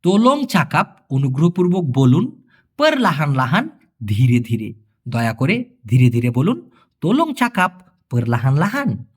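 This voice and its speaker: Man, language teacher. High, very lively voice. Repeats phrases slowly, then translates them. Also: husky. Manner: lively, sing-song delivery. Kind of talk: spoken language lesson.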